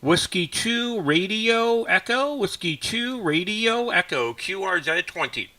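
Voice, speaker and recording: A man speaks in a very bright, forceful, fairly high voice. He runs ham radio contacts as an operator, calling out call signs. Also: lively intonation, slow.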